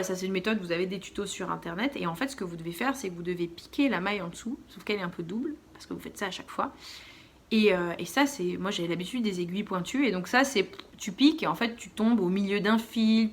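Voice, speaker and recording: A woman's voice: mid-range voice, quick pace. A young woman hosting a knitting podcast, chatting casually with lots of fillers and restarts. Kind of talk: casual chat. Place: dark room at home.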